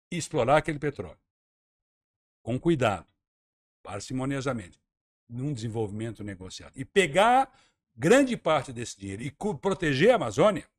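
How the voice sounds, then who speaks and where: A former tourism minister from Santa Catarina, in southern Brazil, argues his case emphatically as a guest on a radio talk show. His voice is slightly husky and his pitch moves up and down freely. Now and then he repeats words while collecting his thoughts.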